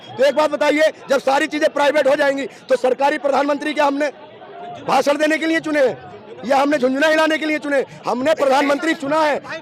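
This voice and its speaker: A man arguing in a heated street debate outdoors, firing off one rhetorical question after another. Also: extremely high pitch. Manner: argumentative, fires rhetorical questions. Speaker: debate participant.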